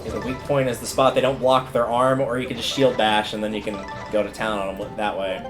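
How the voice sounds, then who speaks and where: With video game music playing clearly behind him, a livestreaming man offers relaxed, colloquial commentary on his gameplay, thinking out loud as he goes. His fairly low voice barely moves in pitch, and he talks a little fast.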